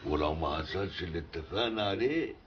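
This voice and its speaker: An actor playing a gruff, commanding neighborhood boss, with an Egyptian accent and a blunt way of talking. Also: male voice, deep voice, animated, fairly quick, a little hiss or hum. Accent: Egyptian Arabic. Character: gruff middle-aged male neighborhood boss. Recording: dull film soundtrack.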